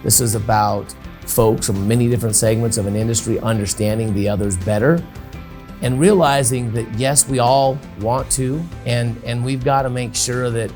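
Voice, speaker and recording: A man's voice: mid-range voice, steady tone, moderate pace, darkish tone, faint music behind. A man talking in an interview. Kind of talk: interview talk.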